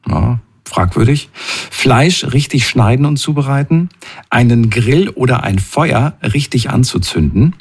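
A man's voice: medium pitch, animated, unhurried, husky. A man hosting a radio phone-in show from the studio, chatting casually with callers and listeners. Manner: chatty, warm-hearted asides.

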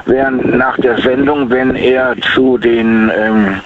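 Guy phoning into a radio show from his car, muffled line, halting and full of ums. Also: mid-range voice, steady tone, a little hiss or hum. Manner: hesitant, halting, many fillers. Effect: heard over the phone. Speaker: radio call-in caller. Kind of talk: casual call-in chat. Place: sitting in a car.

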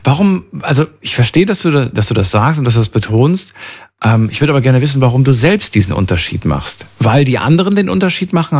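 A man hosting a conversational interview, asking calm, probing questions. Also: mid-range voice, husky.

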